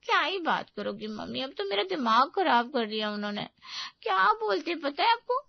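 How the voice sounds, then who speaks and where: A woman voicing a quick-tempered, tearful young bride in a cartoon story, with shrill and petulant outbursts. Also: sing-song, vocal fry, dry recording, muffled recording, full character voice. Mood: sulky, angry.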